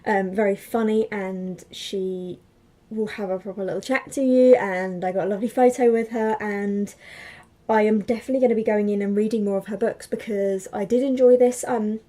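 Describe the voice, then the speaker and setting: A young woman chats her way through a book review. Her voice is mellow and warm, and she rambles with plenty of fillers and false starts. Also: medium pitch, steady tone, moderate pace. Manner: chatty, rambling with many fillers and restarts. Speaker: book vlogger.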